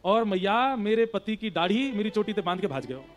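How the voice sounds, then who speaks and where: A man's voice: high voice, expressive, normal speed. A man voicing a complaining village milkmaid woman in a Braj accent, telling tales in an aggrieved tone. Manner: aggrieved, tattling.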